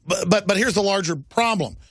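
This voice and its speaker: A man's voice: animated, brisk, slightly rough, no echo. Ranting, sarcastic male talk radio host. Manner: ranting, sarcastic, voice jumps high when mocking. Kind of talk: heated talk radio monologue.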